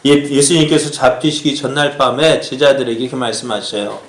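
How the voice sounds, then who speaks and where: Male pastor preaching a sermon, mid pitch, asks the congregation questions, echoey church room. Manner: asks the congregation questions, slows to act out quoted lines. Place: church sanctuary.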